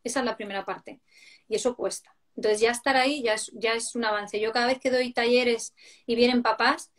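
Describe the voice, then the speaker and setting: A woman from talks through everyday parenting moments in an interview. Her voice sits a bit high, and she answers in a lively, explanatory way. She slips into the voices of the people she quotes. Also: brisk. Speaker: parenting educator.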